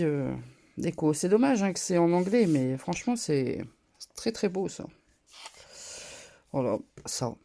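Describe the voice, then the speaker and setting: A woman with a cold, speaking through her nose. Her voice is dark and mellow with a gravelly edge. She chats loosely and a touch loudly, full of little fillers, as she shows off her haul. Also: sits low. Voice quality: nasal. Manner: talks a bit loud, chatty with fillers. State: congested from a cold, nasal. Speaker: scrapbooking vlogger. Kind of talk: casual haul show-and-tell.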